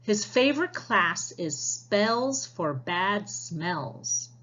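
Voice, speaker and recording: A woman teacher reads a picture book aloud to young pupils as a science lesson, talking to the children directly with instructions and prompting questions. Her mid-range voice is expressive and a bit bright, with drawn-out words, though the audio sounds dull.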